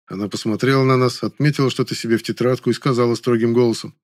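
A man narrating a novel in a steady, mid-pitched voice. His delivery is dry and faintly ironic. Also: fast talker, dry recording. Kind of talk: audiobook narration.

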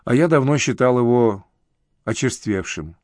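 A man voicing a grieving older uncle, halting and emotional in an audiobook. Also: medium pitch, expressive, darkish tone, no echo, clean studio sound, lightly acted. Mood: wistful.

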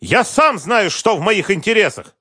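A man voicing an enraged middle-aged businessman who yells accusations at an investigator. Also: high-pitched, sing-song, normal speed, husky, no room sound, studio quality, voice pushed up, full character voice. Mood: furious shouting. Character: furious middle-aged male businessman, shouting, bullying.

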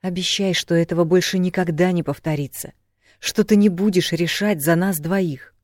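Audiobook: man doing a high, fiery young woman, indignant and pleading, close dry read. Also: fairly even intonation, normal speed, darkish tone, dry recording, lightly acted. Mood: insistent. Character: spirited young woman, quick-tempered and loving. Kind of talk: audiobook reading.

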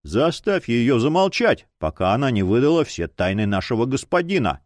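Read by a man, a bloodied cult leader sneers through a storybook scene. He drawls slowly and talks down to everyone. The voice is lively in pitch and sits close and dry. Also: dry recording, close to an everyday voice. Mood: commanding. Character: menacing bloodied male cult leader, mocking.

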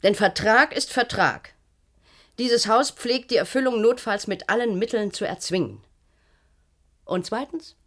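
Voicing the stern, sardonic matron of a secretive clinic in a German radio play, an actress speaks on the high side, a little slowly, pausing often. The acting is light, though the character is brusque, probing and condescending.

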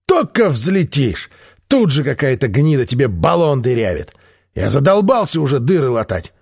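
A man voicing an exasperated airship pilot who rants and shouts in an audiobook reading. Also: medium pitch, sing-song, moderate pace, creaky, breathy edge, pitched above the performer's own voice, exaggerated voice. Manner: ranting, shouting.

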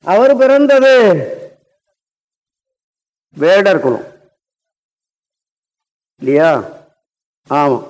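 A man's voice: high voice, sing-song, very slow, pauses often, a little mellow. A man in his seventies giving a music lecture-demonstration, telling stories and constantly putting rhetorical questions to his audience. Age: 70s. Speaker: Carnatic singer and lecturer. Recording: long hall reverb.

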